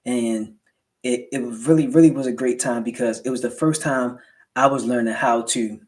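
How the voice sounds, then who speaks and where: A man's voice: mid-range voice, moderate pace. An American man hosting a casual motivational livestream, talking colloquially to viewers with speech slightly slurred by a swollen lip. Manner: colloquial motivational delivery with rhetorical check-ins. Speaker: livestream host, entrepreneur.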